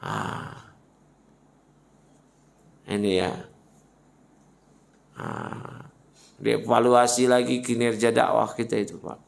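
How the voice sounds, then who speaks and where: A man's voice: on the low side, big pitch swings, slow pace, vocal fry, pauses often. A man teaching a mosque study lecture in a conversational, teasing way. He addresses his listeners directly and mixes Arabic phrases into his speech. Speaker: Islamic religious teacher.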